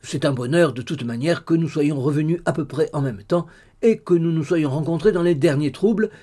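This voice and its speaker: A man's voice: fairly high pitch, brisk, warm tone, natural voice. A man reading the lines of an earnest young man explaining his plans to his father in an audiobook. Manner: earnest, persuasive.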